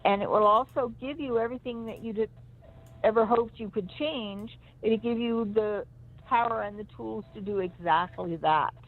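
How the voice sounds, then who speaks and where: A woman's voice: fairly high pitch, moderate pace. A woman on a crackly phone line that cuts in and out, giving a caller an intuitive reading in a searching, hesitant way with many restarts. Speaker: co-host giving psychic readings.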